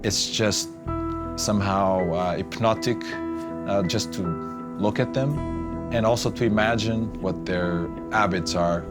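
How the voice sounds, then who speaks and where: A man's voice: on the low side, a little slow. A man speaking as a marine researcher, explaining his work in an unscripted nature documentary interview. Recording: clear music under the voice. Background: music.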